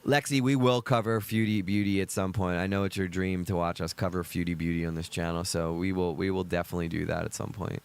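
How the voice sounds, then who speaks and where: Hoarse deep-voiced man hosting a stream. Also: steady tone, fast talker, hardly any pauses. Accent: American Northeast. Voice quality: deep, gravelly. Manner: chatty, greets chat viewers by name. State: hoarse from a cold. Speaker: livestream host. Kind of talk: casual livestream commentary.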